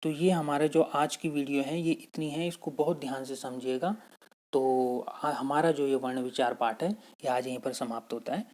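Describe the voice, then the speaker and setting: A male school teacher giving a step-by-step grammar lesson, asking questions and answering them himself, sounding out letters slowly and checking in with short tag questions. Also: mid-range voice, steady tone, darkish tone. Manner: explains step by step, asks and answers his own questions.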